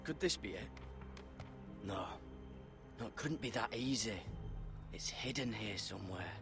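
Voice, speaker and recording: A man's voice: on the low side, expressive, unhurried, music in the background. An actor playing an earnest young man sworn to a frontier guard in a video game, wry and wondering.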